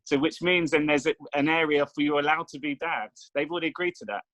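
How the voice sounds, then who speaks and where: A man's voice: on the high side, steady tone, fast talker, fairly bright tone, dry recording, muffled recording. A man, a meditation coach, explaining his ideas persuasively in casual conversation. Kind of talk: casual chat.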